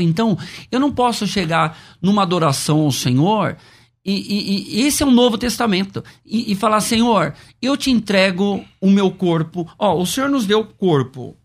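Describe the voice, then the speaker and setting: A man with a Brazilian accent, a bishop arguing his point in a debate with emphatic, preacher-like repetition. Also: high-pitched. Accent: Brazilian Portuguese. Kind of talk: debate on worship.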